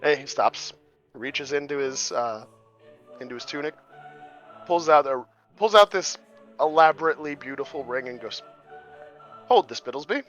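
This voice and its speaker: A man narrating as game master in a relaxed, descriptive storytelling way. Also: medium pitch, moderate pace, pauses often, soft background music. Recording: muffled lo-fi audio.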